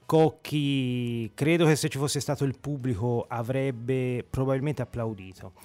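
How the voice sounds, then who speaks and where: A man's voice: medium pitch, unhurried, a little mellow. A man hosting a football discussion in a conversational way, often repeating phrases for emphasis. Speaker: sports show host.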